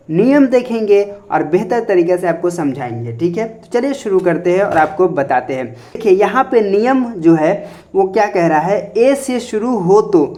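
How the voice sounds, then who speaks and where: A male teacher talks through a pronunciation lesson at a steady, patient pace. He spells each word out letter by letter, then asks what it should be read as and answers himself. He closes nearly every point with a quick "okay". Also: sits high. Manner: repeats "okay" often and answers his own questions. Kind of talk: classroom-style spoken lesson.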